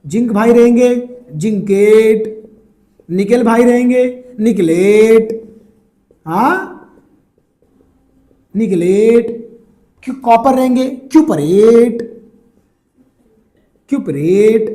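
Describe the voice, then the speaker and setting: A man, teaching chemistry in a lively, repetitive way and teasing his students. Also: sits high. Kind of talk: classroom lecture.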